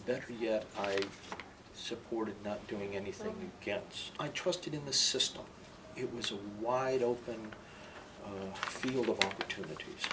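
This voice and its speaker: Low-voiced older veteran remembering, noisy distant recording. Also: male voice, a little slow. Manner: old veteran remembering, opinionated and emphatic. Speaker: interviewee, military veteran. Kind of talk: reminiscing in an interview. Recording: distant microphone, clearly noisy room.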